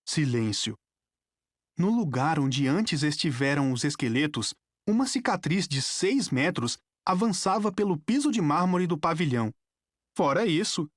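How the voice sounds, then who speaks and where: Woman narrator with a Brazilian accent, deep and very lively, dramatic audiobook reading. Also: no room sound, clean studio sound. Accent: Brazilian Portuguese. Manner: dramatic, expressive storytelling. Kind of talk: scripted narration.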